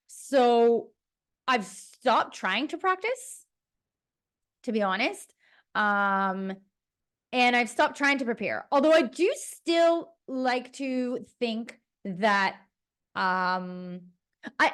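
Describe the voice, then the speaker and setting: This is a woman from Toronto, Canada, a personal trainer whose fairly high, slightly bright voice carries a casual, rambling monologue. She's chatty and wanders as she talks, filling the gaps with plenty of fillers.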